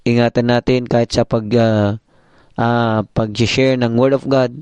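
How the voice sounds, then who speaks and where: A man's voice: medium pitch, flat delivery, unhurried, darkish tone, smooth, no room sound. A man preacher telling a story and giving a morning devotion sermon, calling his listeners brethren, on a dull, dry recording.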